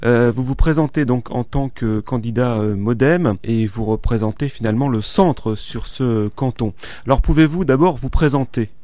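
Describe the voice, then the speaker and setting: A man interviewing a local candidate, asking his questions haltingly with frequent fillers. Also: mid-range voice, dark tone, dry recording. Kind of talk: radio-style interview questions.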